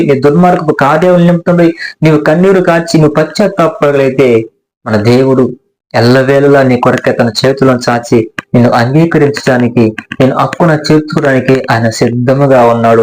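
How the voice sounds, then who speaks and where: A man's voice: medium pitch, darkish tone, poor audio. A male pastor preaching a sermon, addressing his listeners with repeated appeals and rhetorical questions.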